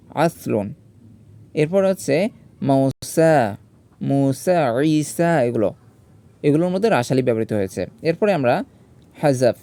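Guy teaching grammar, spells out letters slow, asks himself questions, warm voice. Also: fairly high pitch. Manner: explains step by step, asks and answers his own questions; spells out letters and vowel marks slowly. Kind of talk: grammar lesson.

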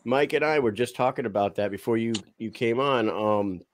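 This podcast host, a young man from around Boston, has a medium-pitched voice and a moderate pace on a dry recording. Speaking into an arm-mounted studio mic and wearing headphones, he brashly plugs sponsors and hypes his guest in a casual way.

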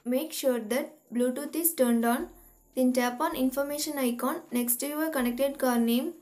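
A woman hosting a tutorial, reading step-by-step instructions in an even, methodical way. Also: high voice, normal speed, soft background music. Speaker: tutorial host. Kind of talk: scripted step-by-step tech tutorial.

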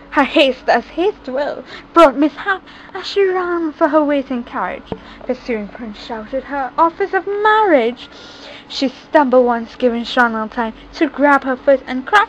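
High-voiced woman reading a rhyming picture book. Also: highs cut off, slight background noise. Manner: lively sing-song rhyming delivery. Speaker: reader.

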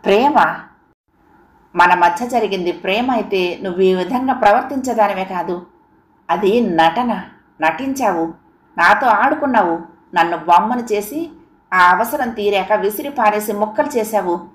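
A woman's voice: medium pitch, a little slow, long pauses, lightly acted. A woman voicing a jilted young man in an audiobook, scornful and bitter, recorded in a roomy echo. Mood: angry, bitter. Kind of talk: audiobook character reading.

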